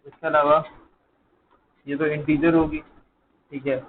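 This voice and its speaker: A male programming teacher gives a live lecture, talking his way through the code as he types and stopping to ask students questions. His voice is a little higher than most men's. It comes through a thin, phone-like line with a faint hiss behind it. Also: little pitch movement, measured pace. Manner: talks while typing, checks in with students. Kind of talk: live online coding lecture. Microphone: close mic, dull over an online call. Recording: tinny call audio, faint noise.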